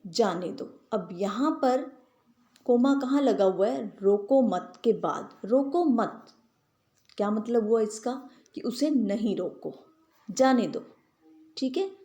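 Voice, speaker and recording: Slow-spoken teacher woman in an echoey room. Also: fairly high pitch, a little mellow. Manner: patient explaining, often checks understanding with tag questions. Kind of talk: classroom grammar lesson.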